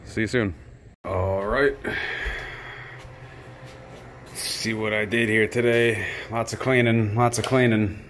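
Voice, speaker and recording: A little hiss or hum underlies this handheld-camera walkthrough, where a male vlogger with a lowish voice talks slowly and pauses often. In a relaxed, offhand way, he covers the campus grounds, a building's interior and its rooftop greenhouse.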